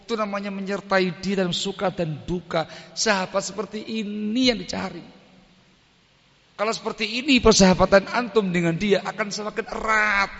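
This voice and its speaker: A man preaches with a gravelly, bright and forceful voice that sits a little high, and he acts out short exchanges between friends as he goes. The sound is dull and lo-fi, and a long reverb trails behind it. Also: normal speed. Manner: animated preaching, acting out dialogues between friends. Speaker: Islamic preacher. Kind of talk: sermon.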